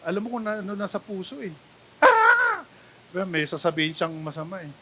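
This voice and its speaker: A Filipino man preaching a church sermon, mixing Tagalog and English, animated, often asking "di ba?" and swinging between loud exclamations and soft asides. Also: sits high, rapid-fire, very noisy. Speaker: pastor. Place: church sanctuary.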